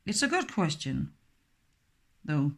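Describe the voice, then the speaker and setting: A middle-aged native Danish speaker with a Danish accent talks slowly and hesitantly through a step-by-step craft tutorial, using many fillers. Her voice sits low and is very animated.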